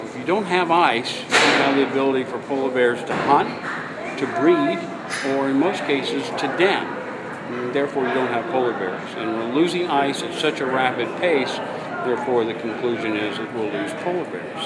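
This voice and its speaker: A middle-aged man talking in a conversational educational interview, encouraging and often checking in with the listener. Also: medium pitch. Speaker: youth programme leader and interviewer. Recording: loud ambient vehicle-like background noise.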